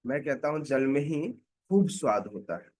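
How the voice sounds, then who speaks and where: A man preaching a scripture class, explaining slowly with many pauses and asking his listeners rhetorical questions to check that they follow. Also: on the high side, big pitch swings, darkish tone. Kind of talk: devotional scripture lecture.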